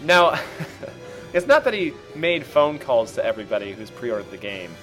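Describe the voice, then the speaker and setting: A man's voice: medium pitch, big pitch swings, moderate pace, fairly bright tone, faint music behind. A man hosting a casual podcast, joking and laughing with his co-host.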